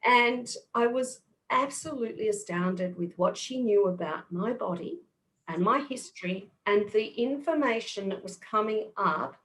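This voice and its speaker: Middle-aged Australian woman, podcast guest, mid-range voice, steady and explanatory. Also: medium pitch, measured pace, slight background noise. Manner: patient, explanatory. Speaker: guest kinesiologist. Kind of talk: podcast interview.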